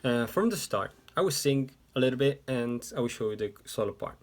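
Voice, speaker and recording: A man teaches a ukulele lesson in English, though Japanese is his first language, sitting indoors and walking through each step slowly. His medium-pitched voice is expressive, and a ukulele plays behind him.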